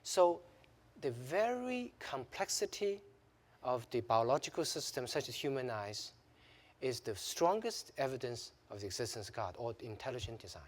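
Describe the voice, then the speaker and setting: A man's voice: mid-range voice, very animated, normal speed. A middle-aged man, a native Chinese speaker, who is an eye surgeon, explaining his views earnestly as a guest on a TV studio set. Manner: earnest, explanatory, gesturing hands. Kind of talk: studio interview. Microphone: lapel mic.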